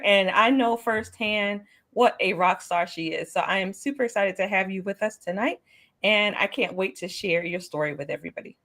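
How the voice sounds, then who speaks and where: A woman in her forties hosting an interview in a casual way, excitable and quick to repeat herself. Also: mid-range voice. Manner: warm, excitable, repeats words. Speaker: podcast host.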